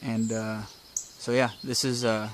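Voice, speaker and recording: Low-pitched and slow, with little pitch movement, a man casually walks through each step in a plainspoken, folksy way. He's a hobbyist presenter outside beside a house porch, where insect and bird noise and outdoor ambience are clearly heard.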